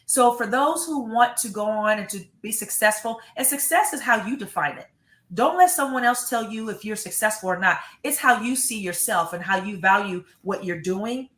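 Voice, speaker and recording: A woman's voice: mid-range voice, animated, normal speed, fairly bright tone. Middle-aged woman superintendent, earnest and emphatic, in a roomy, echoey recording. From United States. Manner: earnest, emphatic, repeats words. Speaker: school superintendent. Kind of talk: interview answers.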